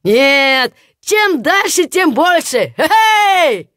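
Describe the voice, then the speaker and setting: A woman voicing a silly, cheerful young peasant lad who boasts, laughs and shouts. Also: high-pitched, very animated, takes it slowly, dry recording, clean studio sound, voice pushed up, exaggerated voice. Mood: gleeful.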